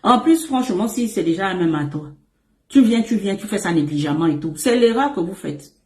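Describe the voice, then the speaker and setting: A woman's voice: mid-range voice, a little fast. A woman relationship coach giving casual advice to men, emphatic and repetitive, often calling the listener her emperor, with playful asides. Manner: animated and playful, with asides and laughs. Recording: echoey room.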